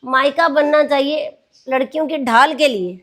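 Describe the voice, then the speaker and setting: A woman's voice: sits high, a little slow, a bit bright. A woman host addressing viewers directly with earnest moral advice.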